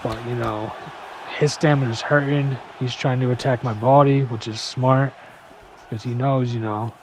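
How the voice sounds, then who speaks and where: A young man giving a casual gameplay breakdown, full of "you know" fillers and sometimes rushing to keep up with the action. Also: medium pitch, steady tone, darkish tone, slight background noise. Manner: casual, filler-heavy, talks fast to keep up. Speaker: gaming YouTuber.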